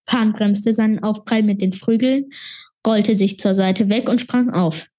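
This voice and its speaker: A woman reads a children's fantasy story aloud. Her voice sits at a middle pitch, and her narration stays steady and expressive. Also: a little slow. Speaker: reader. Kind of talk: children's book reading.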